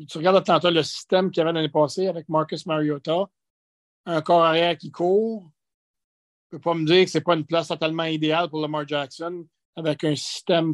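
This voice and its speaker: Quebecois guy doing off-the-cuff football analysis, kinda halting, dry close sound, voice a bit high. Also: dry recording. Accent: Quebec French. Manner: halting, conversational, with trailing restarts. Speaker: sports analyst and guest. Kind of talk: unscripted football commentary in conversation.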